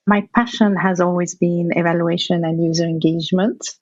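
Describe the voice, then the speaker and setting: A middle-aged woman from Algeria, a guest researcher answering interview questions thoughtfully, pausing and restarting as she finds her words. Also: on the low side, a little mellow, no echo. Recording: dull lo-fi remote audio.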